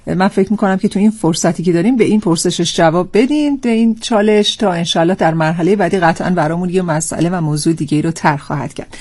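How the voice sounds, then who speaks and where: A woman's voice: on the low side, darkish tone. A woman hosting a live call-in show in a friendly, chatty way, reading out listener texts. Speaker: radio show host.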